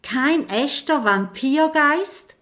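Woman reading a dramatic lady ghost, high and loud, big swings. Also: animated, drawn-out words, heavily acted. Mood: theatrical. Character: grand, moody female castle ghost, loud laugh. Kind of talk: audiobook character voice.

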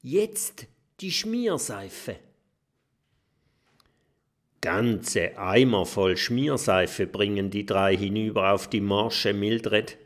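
Guy reading a kids story, nice and slow, really expressive. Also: on the low side. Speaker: audiobook narrator. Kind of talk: children's storybook narration.

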